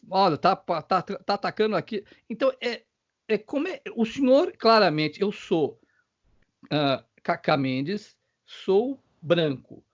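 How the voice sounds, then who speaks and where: An older man hosting an interview, asking rambling, hesitant questions full of restarts. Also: sits high. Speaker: interview host. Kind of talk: casual interview conversation. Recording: slightly dull, lo-fi recording.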